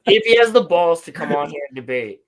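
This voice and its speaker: Brief: male podcast host, casual reaction chat, slightly high voice, halting. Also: sing-song. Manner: easygoing, halting, repeats words.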